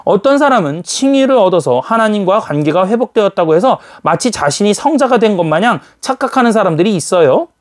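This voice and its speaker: A man preaches a sermon in a high-pitched voice, speaking briskly with hardly any pauses. He's animated and emphatic, hurling rhetorical questions at his audience.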